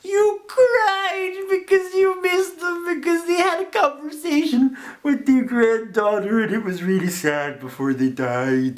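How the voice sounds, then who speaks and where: A man playing a manic, childlike male hobo who reviews a show and swings between shouting and mopey mumbling. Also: sits high. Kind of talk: comedy review in character.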